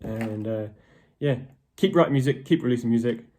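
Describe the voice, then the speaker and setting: A man talks to his band's fans in a casual video update. His tone is mellow and warm, neither high nor low. He rambles along, with plenty of ums and false starts. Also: moderate pace. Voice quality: posh-sounding voice. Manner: rambling, with many ums and restarts. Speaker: metal band member.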